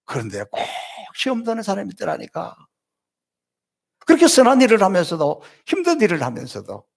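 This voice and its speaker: A middle-aged pastor preaches a Sunday sermon in a high voice. His pitch leaps and falls widely as he stacks repeated phrases. He presses his points with rhetorical questions. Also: huge pitch swings, brisk, vocal fry. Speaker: senior pastor.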